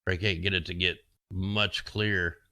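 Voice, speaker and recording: A man speaks in a low, steady, pushed and bright voice at a moderate pace, with no echo in the recording. In casual screen-share commentary, he hosts a rambling, conspiratorial walk through weather maps, his voice fraying as he loses it.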